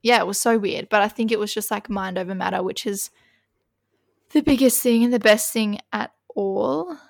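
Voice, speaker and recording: A woman co-hosting a podcast in casual chat, talking fast and loose with lots of fillers. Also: mid-range voice, creaky, dry recording, studio quality. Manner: chatty, filler-heavy, many "like"s. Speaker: podcast co-host.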